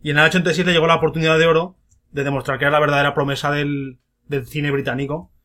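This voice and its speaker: Bright-voiced joking podcast host. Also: male voice, on the high side, little pitch movement, quick pace. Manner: jokey storyteller, acts out quotes in silly voices. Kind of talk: casual comedic film podcast chat.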